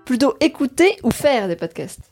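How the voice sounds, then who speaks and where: A woman's voice: high voice, big pitch swings, moderate pace, a little mellow, breathy edge, soft background music. Chatty woman podcast host. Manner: chatty, laughs often, many fillers. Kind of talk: casual interview.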